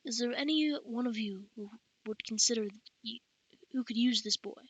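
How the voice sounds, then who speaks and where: A woman voicing a kindly male baron who speaks in a gentle, concerned way. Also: a little high, normal speed, no echo, natural voice, low-quality recording.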